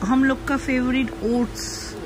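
Loud store noise and warehouse echo surround a woman's high, flat, slow voice as she vlogs her shopping trip on a handheld phone. In the large indoor store she chats casually, narrating every item she picks up.

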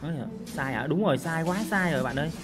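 A woman commentating on her own gameplay, excitable and full of loud, repeated exclamations. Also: sits low, rapid-fire. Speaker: game streamer. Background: game music and sound effects.

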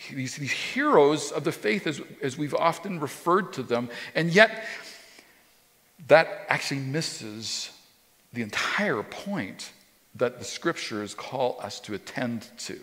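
A medium-pitched, fairly bright voice moves slowly but with lively intonation as a pastor in his fifties delivers his sermon. His talk is conversational and loose, with many restarts and repeated words. The setting is an indoor church stage with a drum kit behind, and the hall's reverb rings long.

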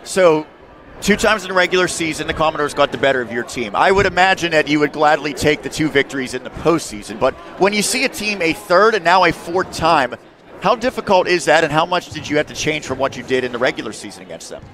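A man's voice: fairly high pitch, expressive, fast talker, a bit bright, a little hiss or hum. A man in his thirties hosting a postgame show, asking long polished setup questions on a headset mic courtside in an empty gym. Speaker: sports network host. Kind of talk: postgame sports interview.

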